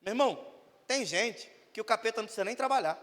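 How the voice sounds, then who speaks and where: A man with a Brazilian Portuguese accent preaching a lively, humorous sermon, acting out little scenes with voices and bursts of shouting. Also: high-pitched, fast talker. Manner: acts out voices of congregants and demons, shouting bursts. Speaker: pastor. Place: large church hall. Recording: reverberant church hall.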